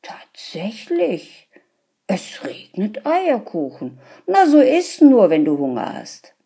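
A woman's voice: medium pitch, huge pitch swings, takes it slowly, mellow, slightly rough, pitched above the performer's own voice, heavily acted. A woman reading a fairy tale aloud and voicing a patient, practical peasant wife who talks in a dry, matter-of-fact way. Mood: indulgent.

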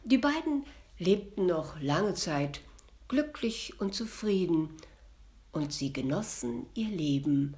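A woman telling a fairy tale in a gentle way, often sinking to a near-whisper. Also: on the low side, expressive, slow. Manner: gentle, often dropping to a hush. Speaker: storyteller.

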